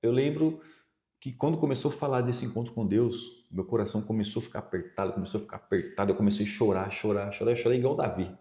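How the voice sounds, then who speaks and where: A man's voice: fairly low pitch, fast, warm tone. A middle-aged man with a Brazilian Portuguese accent from São Paulo, a pastor giving a personal testimony in a podcast interview, telling it with feeling and quoting himself and others. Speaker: pastor, guest. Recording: echoey room.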